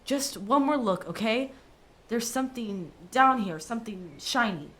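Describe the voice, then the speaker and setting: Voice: mid-range voice, expressive, a little slow, fairly bright tone. A performer playing an eager, reckless young boy in a family drama. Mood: curious. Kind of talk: acted family film dialogue.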